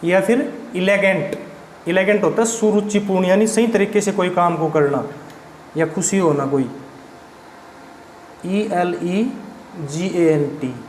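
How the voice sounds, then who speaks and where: High-voiced man spelling out vocabulary. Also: fairly even intonation, unhurried, long pauses. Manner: spells words letter by letter, asks and answers his own questions. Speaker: vocabulary teacher. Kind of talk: classroom vocabulary lesson. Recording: echoey room with faint background noise.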